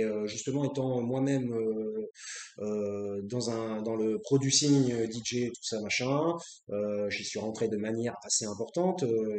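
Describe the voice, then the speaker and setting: A man's voice: mid-range voice, mellow. French guy rambling on his own show, lots of uh's, crude and blunt, echoey room. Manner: rambling, many fillers and restarts, blunt and crude. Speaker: host. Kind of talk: unscripted casual monologue.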